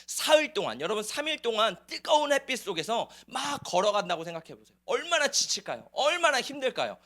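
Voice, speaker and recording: A man's voice: extremely high pitch, big pitch swings, fairly quick, sharp tone. A man preaching a sermon to his church, asking the congregation rhetorical questions. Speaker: pastor. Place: church sanctuary.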